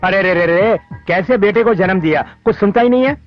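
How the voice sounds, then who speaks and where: A man's voice: sits high, fairly quick, close to an everyday voice. A man voicing an older scolding father who complains and bosses others, on dull film audio with music.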